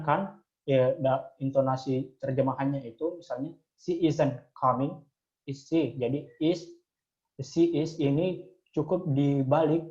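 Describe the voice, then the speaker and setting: A man with an Indonesian accent explaining English grammar in a slide lesson, pausing often with fillers as he reads out example sentences. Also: mid-range voice, warm tone, lo-fi sound. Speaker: English tutor.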